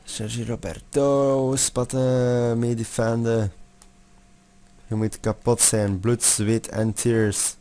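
A young man giving excitable live gameplay commentary, swearing often and mixing in English. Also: mid-range voice, takes it slowly. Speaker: gamer.

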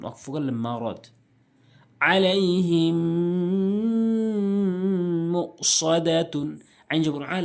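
A man teaching Quran recitation, spelling out letters and drawing out nasal sounds slowly. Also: medium pitch, darkish tone. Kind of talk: slow spelled-out recitation lesson.

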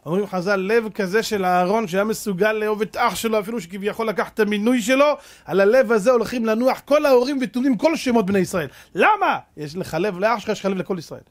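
A high-pitched man, a rabbi, preaches a fervent Torah sermon, blending street slang with scripture and firing off rhetorical questions.

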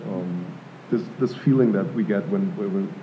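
Low-voiced German man musing at a panel. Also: moderate pace, slight background noise. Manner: thoughtful, hesitant, many fillers and restarts. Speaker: panel artist. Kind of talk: panel discussion answer. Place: art gallery panel before a live audience. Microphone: table mic on stand. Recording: dull lo-fi live room sound.

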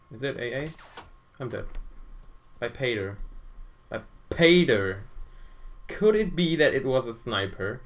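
Slow-talking young man gaming with a friend. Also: medium pitch, slight background noise. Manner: jumpy, exclaims during firefights. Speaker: gameplay channel host. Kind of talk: casual gaming chat with a friend.

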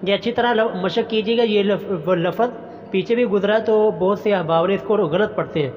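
A man teaching Quran pronunciation in an online class, chanting each verse slowly, then explaining the rules briskly. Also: sits high, long reverb tail, lo-fi sound.

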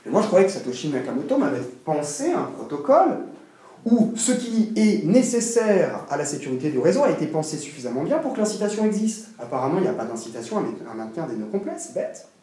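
A man giving a seminar lecture in an animated, emphatic way, with frequent restarts and asides. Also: a little high, fast talker. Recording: echoey room, mic far off.

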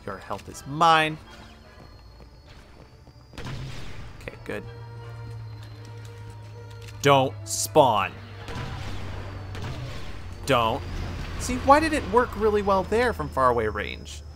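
A man giving let's-play commentary, excitable, swinging from quiet muttering to yelling at the game. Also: a little high, slow, long pauses, soft background music. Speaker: gaming channel host.

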